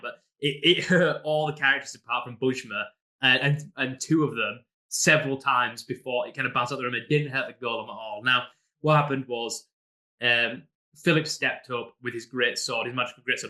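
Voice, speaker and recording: A man with a bright, forward voice talks through his last tabletop session as game master. He rambles loosely, with plenty of fillers and restarts. When he mimics his players, he raises his voice. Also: mid-range voice. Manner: rambling storyteller, many fillers. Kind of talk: casual campaign recap.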